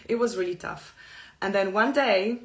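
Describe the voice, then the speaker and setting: Speaking English with the accent of her native Polish, this middle-aged woman from Poland shares a personal self-help message. She sounds earnest and open, choosing slow, careful phrases, and her pitch sits in the medium range.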